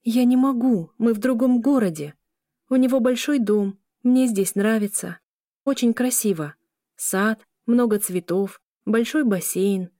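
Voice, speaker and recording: A woman's voice: a little high, a little slow, dark tone, dry recording, studio quality, pitched above the performer's own voice, natural voice. A woman voicing a frightened, tearful young woman, pleading in a shaky voice.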